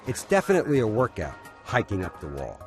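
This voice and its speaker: A man's voice: lowish voice, wildly swooping pitch, fast. A man giving scripted documentary narration as a studio voice-over, with an upbeat, wry storytelling manner. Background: soft music bed.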